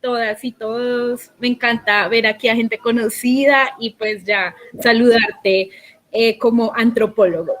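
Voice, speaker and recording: A woman's voice: fairly high pitch, fairly even intonation, a little slow, fairly bright tone. A woman hosting a casual interview on a video call, asking long, winding questions full of fillers.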